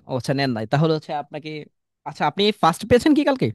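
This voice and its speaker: A man's voice: a little high, very animated, fast talker, dry recording. A man teaching an online class, coaching students through tongue twisters and calling on them by name. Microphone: computer mic on a video call.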